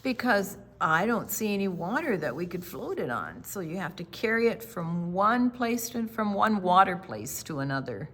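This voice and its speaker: Reading a picture book to children at storytime, an older woman uses a very animated voice pitched on the low side. She phrases the story dramatically and deliberately, slipping in quieter conversational asides.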